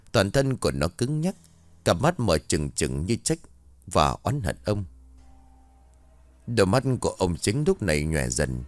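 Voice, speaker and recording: A man giving a dramatic, expressive scripted ghost story narration. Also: sits low, dry recording.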